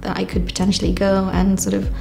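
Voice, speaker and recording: A young woman, giving a reflective, unhurried personal testimony with frequent pauses. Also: medium pitch, completely flat delivery, gravelly, warm tone, faint music behind. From Kenya. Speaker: church member giving testimony.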